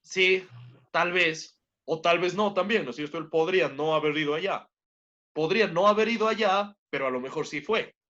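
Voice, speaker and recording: A man's voice: fairly high pitch, moderate pace, bright, forceful tone. A man teaching an online class, explaining a point step by step and often checking in with his students by asking questions. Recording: dull lo-fi online class audio.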